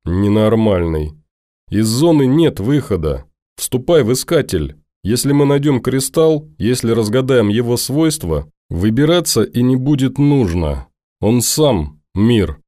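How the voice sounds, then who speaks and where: A man's voice: medium pitch, very animated, unhurried, mellow, dry recording, clean studio sound. A man voicing a fiery, pleading young woman. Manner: insistent, scolding, pleading.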